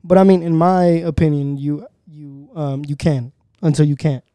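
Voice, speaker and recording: A man's voice: a little high, fairly even intonation, moderate pace, dark tone, clean tone, dry recording. A young man as a guest on a podcast, talking in a laid-back way in casual chat, laughing and often restarting his sentences.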